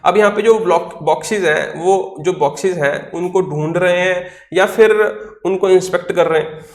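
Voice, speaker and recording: High-voiced man teaching vocabulary. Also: fairly even intonation, normal speed, reverberant. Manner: explains step by step, asks questions and answers them himself; spells words out letter by letter. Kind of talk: online class lecture in Hindi.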